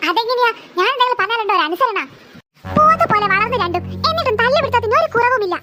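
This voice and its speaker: A fed-up cartoon mother who scolds her bickering daughters, played by a woman. She nags in a very high, bright voice. Her lines come quickly, with a dry, close sound. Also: lively intonation, no echo, faint music behind, exaggerated voice. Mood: exasperated. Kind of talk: cartoon voice acting.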